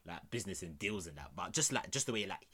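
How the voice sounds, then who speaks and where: Young man, London roadman accent. Slightly low, bright and hard-edged tone, slang-heavy casual chat. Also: fast. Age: young adult. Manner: animated slangy delivery with repeated tags.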